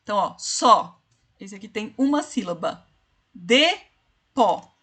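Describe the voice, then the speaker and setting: A woman's voice: medium pitch, animated, normal speed, a bit bright, breathy edge. A woman teaching a literature class, explaining poem structure and counting syllables aloud to her students. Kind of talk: online class lecture.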